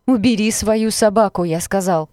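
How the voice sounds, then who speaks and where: A woman reading the part of an agitated young man who is frightened of a big dog, voicing him loudly in a story. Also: medium pitch, animated, a little fast, dry recording, clean studio sound, natural voice. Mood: angry. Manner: loud, shouting.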